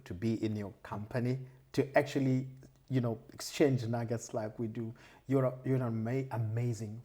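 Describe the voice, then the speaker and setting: An interview host, asking questions conversationally in appreciative, unhurried phrases. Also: medium pitch, dark tone, breathy edge.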